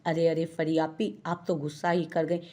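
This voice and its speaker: A woman's voice: sits low, flat delivery, moderate pace, warm tone, natural voice. A woman reading the lines of a cheeky, boastful young man who teases his cousins in a playful, mocking way. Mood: teasing.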